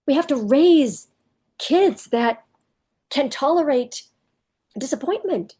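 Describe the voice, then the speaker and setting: A woman's voice: sits high, lively intonation, slow, dark tone. A woman parenting coach giving direct, emphatic advice to parents.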